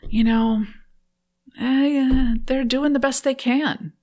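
A woman imitating her father, a kind, honest older mechanic, with a Boston accent and a gentle, forgiving manner. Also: very high voice, fairly even intonation, slow, pitched above the performer's own voice.

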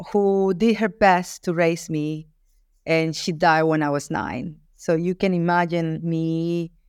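A woman's voice: low voice, clean tone, dry recording, clean studio sound. A woman from Ecuador, an author being interviewed, speaking earnestly and reflectively, with frequent restarts. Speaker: author and guest. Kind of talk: interview answer.

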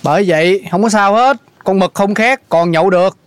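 A middle-aged man plays a fussy, joking apartment building manager who is quick to panic. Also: high voice, clear, resonant tone, lightly acted. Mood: relieved. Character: fussy older male building manager, jokey.

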